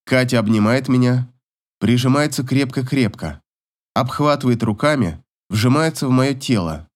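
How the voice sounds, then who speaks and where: A man's voice: mid-range voice, normal speed. A man reading a first-person story audiobook, telling it in an emotional, dramatic way. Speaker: audiobook narrator.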